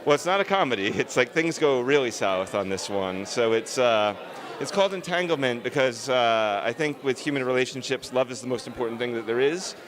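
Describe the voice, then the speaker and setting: A man's voice: mid-range voice, expressive, fairly quick, crowd noise. A man, a film director, answering interview questions on a red carpet in an earnest, emphatic, discursive way.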